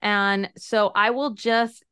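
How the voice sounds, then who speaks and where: A woman in her thirties, a podcast guest and coach, giving earnest, animated advice in a casual interview. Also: mid-range voice, slow, clean tone, no echo, clean studio sound.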